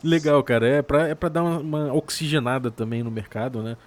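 A man's voice: mid-range voice, fairly even intonation, fairly quick. A man with a Brazilian Portuguese accent hosts a podcast in a casual, chatty, slangy way. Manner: informal, slangy. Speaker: podcast host.

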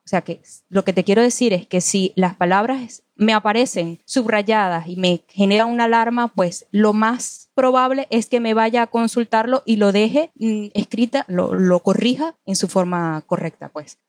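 A woman's voice: medium pitch, moderate pace, few pauses, darkish tone, no echo, studio quality. A Venezuelan woman from Maracaibo, a copywriter, chatting over a call, thinking aloud with restarts and little laughs. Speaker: guest copywriter. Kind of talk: casual conversation over a call. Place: at home in Spain. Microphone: video call.

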